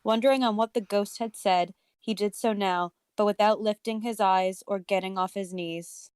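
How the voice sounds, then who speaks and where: A woman reading a story aloud as narrator on a casual podcast, with steady storybook delivery. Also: medium pitch, normal speed, clear, resonant tone, no room sound, studio quality.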